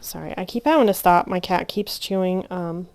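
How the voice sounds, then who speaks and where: A woman with a slightly low voice talks through a hands-on craft tutorial at home. She is chatty and meandering, often trailing off and restarting as she works. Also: normal speed, darkish tone, a little hiss or hum. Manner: chatty, rambling, many fillers and restarts. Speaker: crafter teaching junk journal making. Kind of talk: casual craft tutorial narration.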